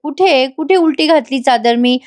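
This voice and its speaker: A woman's voice: high-pitched, normal speed, darkish tone, dry recording, studio quality, close to an everyday voice. Woman voicing a puzzled young wife. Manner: questioning.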